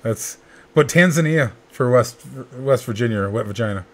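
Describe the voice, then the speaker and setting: A man co-hosting a casual podcast, talking in halting, rambling bursts while telling an anecdote. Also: medium pitch, animated. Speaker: podcast co-host. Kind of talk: casual chat.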